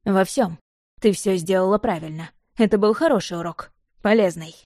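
A woman reading the lines of a cold, heartbroken young man in her own even voice. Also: mid-range voice, moderate pace, dry recording, clean studio sound, natural voice.

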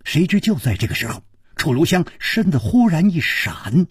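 A man telling a martial-arts tale in a traditional storytelling style, slow and dramatic. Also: on the high side, big pitch swings, husky, dry recording, clean studio sound.

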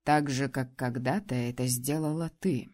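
A woman voicing a loving, remorseful husband in a read-aloud story, speaking in a soft pleading way. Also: extremely low pitch, normal speed, voice pushed down. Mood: tender.

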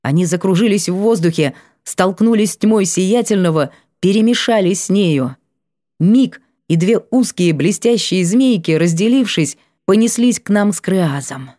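A woman narrating a fantasy audiobook, reading calmly and evenly at a measured pace. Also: medium pitch, dry recording, clean studio sound.

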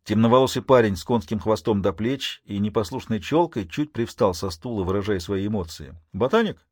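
A man's voice: lowish voice, brisk, slightly rough, no room sound. A man narrating a first-person audiobook, dropping dry, ironic asides along the way.

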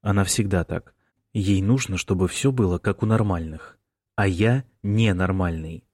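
A sullen, irritable young man, read by a man. He talks gruffly, as if through clenched teeth. Low voice, dry close sound. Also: measured pace, a little mellow, no room sound. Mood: irritated, sullen.

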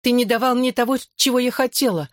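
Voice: mid-range voice, a little fast, no room sound, clean studio sound, pitched above the performer's own voice, natural voice. An audiobook reader voicing a jealous, reproachful young woman who hisses her complaints at her ex. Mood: resentful. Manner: reproachful, hissing. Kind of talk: audiobook character voice.

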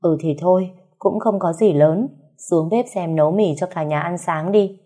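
A woman's voice: lowish voice, moderate pace, mellow, lightly acted. A woman voicing a weary older mother-in-law, grumbling tiredly.

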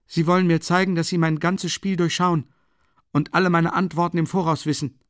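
A man's voice: on the high side, flat delivery, a little fast, no echo, studio quality, voice pushed up, close to an everyday voice. A man reading an audiobook, voicing a feverish young male student who speaks in a raised, agitated, accusing voice. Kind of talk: audiobook character voice.

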